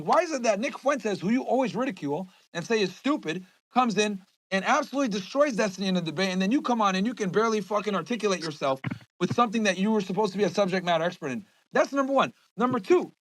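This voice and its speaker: A man's voice: extremely high pitch, fairly bright tone, dry recording, poor audio. A young man hosting a podcast, speaking to his viewers in a heated, profane rant that keeps circling back on itself. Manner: heated, profane, repeats himself. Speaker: podcast host.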